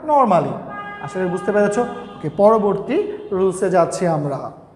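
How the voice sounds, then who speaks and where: A man's voice: high voice, very animated, a little slow, darkish tone, slight background noise. A man teaching a grammar lesson, repeating each rule and asking the students questions. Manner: repeats points and quizzes students. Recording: echoey room with long reverb.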